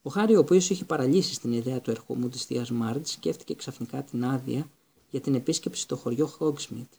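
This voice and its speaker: Guy reading a storybook aloud, gravelly, husky, mellow. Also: medium pitch. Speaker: audiobook narrator. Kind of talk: scripted narration.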